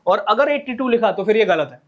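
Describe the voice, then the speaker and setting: A man's voice: sits high, lively intonation, brisk, lo-fi sound. Patient male teacher explaining grammar. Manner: repetitive, checks in with "clear hai na?"; addresses viewers as friends. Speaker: English teacher. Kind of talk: Hindi-language grammar lesson at a board.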